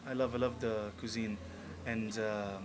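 A man's voice: on the low side, level tone, a little slow, noisy background. A man in his thirties from Tanzania, a musician being interviewed, talking casually and enthusiastically with many fillers in a restaurant lounge. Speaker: musician guest. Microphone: table mic on stand.

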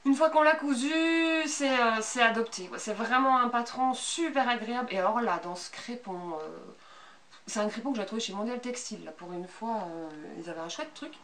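Her voice a little high and fairly bright, a Belgian French sewing vlogger in her thirties talks a little fast in an unscripted show-and-tell of her handmade clothing. She's in a small, bright sewing room. The audio comes from a camera mic a couple of metres away and carries background noise.

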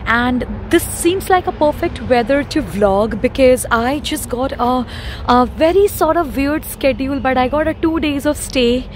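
A young Indian woman with a slightly high voice and an Indian English accent chats excitably to her phone camera while walking through snowy city streets. She talks in an unhurried way, switching between Hindi and English. Clear street noise runs behind her outdoors. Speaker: travel vlogger. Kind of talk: casual travel vlog, mixing Hindi and English.

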